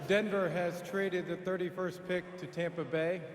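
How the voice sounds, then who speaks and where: Echoey male hall announcer, high voice. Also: flat delivery, a little slow. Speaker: announcer at podium. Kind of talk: formal announcement. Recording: echoey large hall, noisy ambience.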